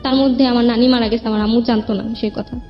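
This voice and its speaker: A fairly high-voiced woman with a Bangladeshi accent recounts her own life as an interview guest, at a quick pace and with fairly even intonation. She speaks plainly and ramblingly, acting out reported dialogue. The sound is band-limited and slightly dull, with music behind her.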